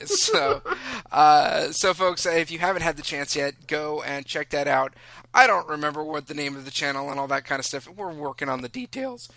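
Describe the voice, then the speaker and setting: A man's voice: fairly high pitch, expressive, moderate pace, creaky, bright, forceful tone, no echo. A man hosting a casual podcast from a room in his house, chatty and self-deprecating, rambling with restarts. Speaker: podcast host.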